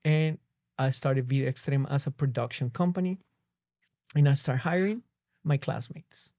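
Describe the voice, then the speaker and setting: This podcast guest, a native Spanish speaker with a Colombian accent, shares his story reflectively in conversation at a moderate pace. His medium-pitched voice is mellow, and the small-studio recording on a close boom-arm mic is dry and studio quality.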